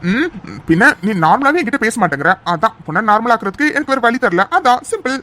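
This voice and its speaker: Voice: medium pitch, big pitch swings, fast talker, noisy background, lightly acted. A voice actor playing an affectionate young man in a cartoon love story, coaxing and pleading with his fiancée to stop crying. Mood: teasing. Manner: coaxing, pleading and playfully bossy. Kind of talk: cartoon voice acting.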